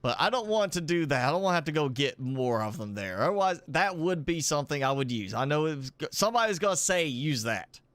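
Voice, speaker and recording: A man's voice: fairly high pitch, animated, quick pace, few pauses, fairly bright tone, no echo. A man hosting a casual live gameplay stream, thinking aloud as he builds, rambling and chuckling now and then. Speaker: gaming channel host. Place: indoors at home with a pet dog.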